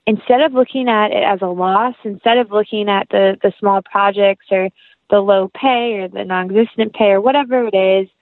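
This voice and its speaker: An actress in young adulthood joins a podcast for a relaxed interview, her talk earnest, heartfelt and wandering. Her tone is steady and mid-range at a moderate pace, with no room sound, though the line is tinny and phone-like.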